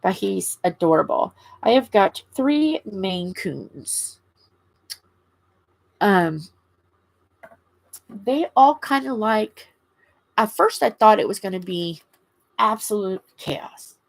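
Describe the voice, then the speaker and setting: Gravelly woman with slightly swollen-lip speech. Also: medium pitch, animated, slow, pauses often, no echo, rough recording. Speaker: craft livestream host. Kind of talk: casual rambling livestream chat.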